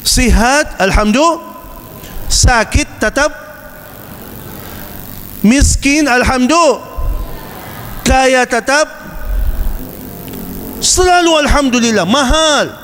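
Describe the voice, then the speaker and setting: A man's voice: very high voice, expressive, slow pace, long pauses, a bit bright, slight background noise. A man preaching a sermon, telling stories dramatically and acting out cries and voices. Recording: long hall reverb.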